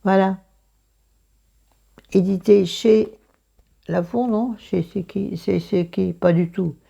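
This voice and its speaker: A woman with a croaky morning voice and vocal fry, chatting casually through a book review in a self-mocking, digressive way, thinking aloud. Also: mid-range voice, takes it slowly, mellow.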